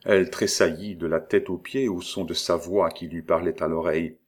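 A man narrating a novel in a steady, measured reading voice. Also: low voice. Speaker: audiobook narrator.

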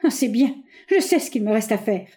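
A woman voicing a melodramatic jilted young woman, speaking high, plaintive and choked with emotion. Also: takes it slowly, warm tone. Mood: tragic. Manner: plaintive, choked theatrical delivery.

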